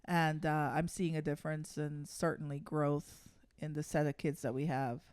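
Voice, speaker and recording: Smooth-voiced Guyanese-born woman, podcast host. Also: sits low, level tone, normal speed, darkish tone, dry recording. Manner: earnest, speaks with faith-filled conviction. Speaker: podcast co-host, runs a children's home. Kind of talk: casual family podcast chat.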